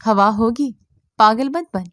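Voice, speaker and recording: A woman voicing a brisk, dismissive older aunt who scolds in a matter-of-fact way. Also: a little high, no echo, close to an everyday voice. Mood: brusque.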